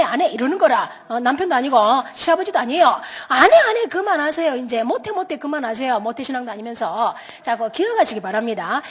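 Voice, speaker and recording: A middle-aged woman, a pastor's wife, preaching a sermon and acting out stories with shouted lines. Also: high voice, breathy edge. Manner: dramatic storyteller, shouts out quoted lines; lively, quick-tempered delivery. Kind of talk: animated sermon with acted stories.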